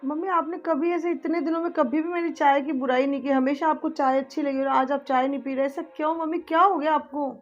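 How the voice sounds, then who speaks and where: Casting a soft-spoken appeasing young daughter-in-law, high voice, played by a woman, muffled audio with faint music. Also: fairly even intonation, fairly quick, hardly any pauses, lightly acted. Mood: pleading. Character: meek young daughter-in-law, pleading and soothing. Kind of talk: family drama acting.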